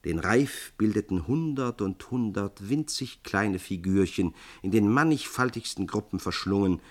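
A man reading a classic fairy tale aloud in measured scripted narration. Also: fairly low pitch, expressive. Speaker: audiobook narrator.

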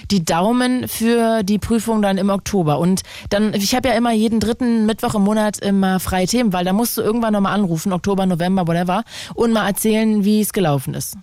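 A woman's voice: medium pitch, a little fast, dry recording, clean studio sound. A woman hosting a radio call-in show, chatting encouragingly with callers and asking questions. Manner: warm, encouraging, enthusiastic reactions.

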